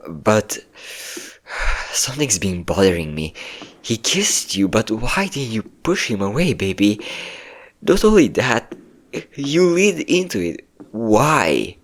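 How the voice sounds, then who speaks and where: In a scripted ASMR-style roleplay, a man voices a low, obsessive, manipulative ex-boyfriend who coaxes his lover with pet names as menace runs beneath. His delivery is exaggerated, sing-song and slow with long pauses, sounding hurt and accusing, broken up by nervous chuckles.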